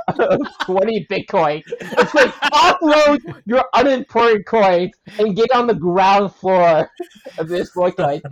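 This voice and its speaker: A man talking casually with friends, his pitch swinging widely as he rambles through a joking sales pitch. He keeps laughing mid-sentence. The sound is dull and muffled, like a lo-fi recording. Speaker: guest. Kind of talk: casual chat among friends.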